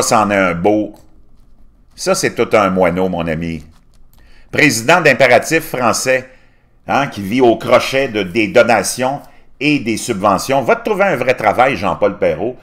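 A man's voice: fairly low pitch, expressive, normal speed, a bit bright. A man in his fifties from Quebec with a Québécois French accent, mocking and scornful as he rants over a news article on his channel. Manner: scornful, mocking, laughs at his own jokes. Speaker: commentary channel host.

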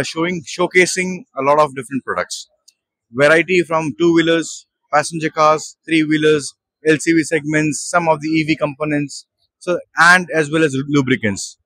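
A husky-voiced Indian man, a managing director at a trade show, gives a guided product walkthrough at a busy exhibition hall stall. He speaks Indian English in a fairly high, pushed and bright voice, hesitantly, with many fillers and restarts. The recording is low quality with no echo.

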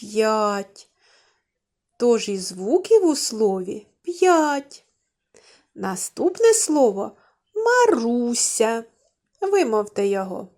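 A woman's voice: on the high side, big pitch swings, extremely slow, long pauses, a little mellow. A woman teaching young children, drawing out words in a sing-song way and asking them questions. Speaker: kindergarten teacher. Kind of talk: slow, clearly enunciated lesson for young children.

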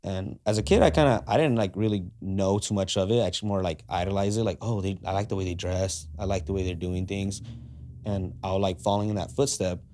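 Speaking at a fairly quick clip in a low, steady, slightly mellow voice, this young skateboarder guest from Southern California spins casual stories and animatedly performs quoted lines. Slight background noise fills the cluttered indoor garage studio, where he talks into a podcast mic on a boom arm.

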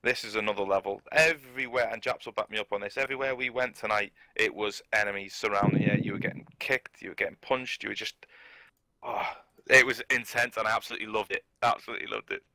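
A man speaks rapidly in a bright, forceful voice, piling up emphatic phrases. The sound is dry and close, with no room around him. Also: on the low side, fairly even intonation, no echo. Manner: enthusiastic, emphatic. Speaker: winning team player. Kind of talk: post-match chat over voice comms.

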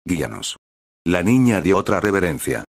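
A man narrating a fan-fiction story with steady reading aloud. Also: sits low, brisk, no room sound, studio quality.

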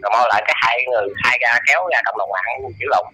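A man in his eighties with a Southern Vietnamese accent, talking as an interview guest and lecturing in a scolding, preachy way, his pitch leaping up and down. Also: racing, bright, forceful tone, slightly rough, poor audio. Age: 80s. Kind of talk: casual lecturing chat.

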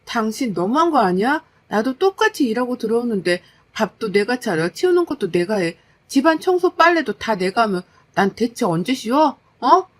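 A woman voicing an exhausted working wife who scolds her husband in exasperation in a story. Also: on the high side.

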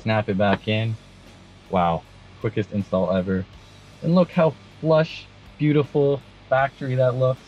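A medium-pitched, steady, slightly mellow voice carries this Canadian vlogger's somewhat slow delivery, and the lo-fi recording has faint music behind it. He casually explains a vehicle install to camera from inside a vehicle and outdoors beneath an overpass.

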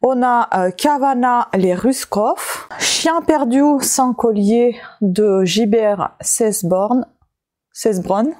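A woman vlogger chatting casually as she shows and names the books she found, talking slowly with many fillers and pauses. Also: a little high, darkish tone. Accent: French-speaking with a non-native accent. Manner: slow, hesitant listing with many fillers. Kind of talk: casual haul video chat.

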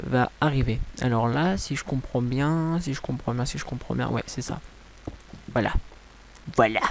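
A man's voice: medium pitch, gravelly. A young man from France giving a casual, rambling game tutorial commentary, mocking himself and swearing when things go wrong. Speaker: gaming tutorial creator.

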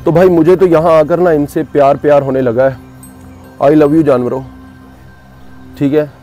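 A man's voice: on the high side, steady tone, normal speed, warm tone, faint music behind. A man giving casual walking vlog commentary while touring a cattle farm outdoors, chatty and joking with his viewers.

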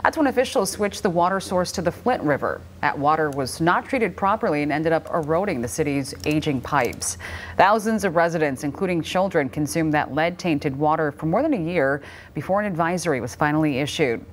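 Low-voiced female anchor, polished reading. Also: lively intonation, fairly quick, slight background noise. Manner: polished, scripted delivery. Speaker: news anchor. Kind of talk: studio news reading. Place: TV studio.

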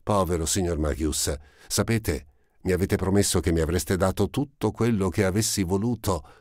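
A man reading an audiobook, voicing a poor, ragged teenage girl who talks eagerly and rambles, in a raised girlish pitch. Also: normal speed, a little mellow, no echo, clean studio sound. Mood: coaxing.

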